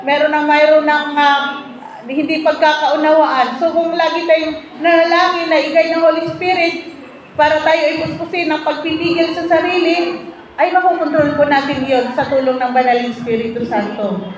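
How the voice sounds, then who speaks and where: A woman's voice: high-pitched, flat delivery, normal speed. A woman preaching a sermon to a congregation and often asking them to answer back. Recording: very echoey room, faint background noise.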